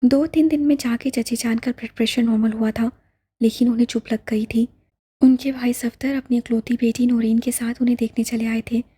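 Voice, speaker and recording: Casting: female audiobook narrator, slightly high, mellow and breathy, calm even reading. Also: a little fast. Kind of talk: scripted narration.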